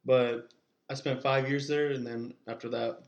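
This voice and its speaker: A nineteen-year-old man from California tells stories in a relaxed, slangy way during a casual podcast chat. His voice sits at an ordinary middle pitch for a man. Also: normal speed, muffled recording. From California, USA. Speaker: podcast co-host.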